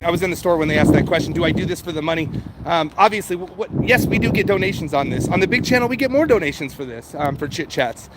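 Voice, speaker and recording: Speaking fast with lively intonation and a fairly high pitch, this man hosts a livestream in a casual, informal way. He addresses viewers directly, cursing occasionally, while a noisy street with vehicles sounds around him.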